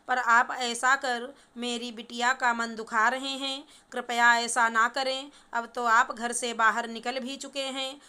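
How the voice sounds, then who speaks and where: A woman's voice: on the high side, bright, forceful tone, clear, resonant tone. A woman voicing a bossy middle-aged mother-in-law in a storybook reading, talking in a stern, lecturing way.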